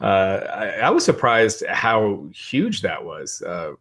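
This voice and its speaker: A man's voice: lowish voice, wildly swooping pitch, takes it slowly, fairly bright tone. A man in his forties co-hosting a podcast, talking casually with frequent hesitations. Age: 40s. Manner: hesitant, many ums and uhs. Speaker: podcast co-host. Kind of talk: casual wrestling talk chat.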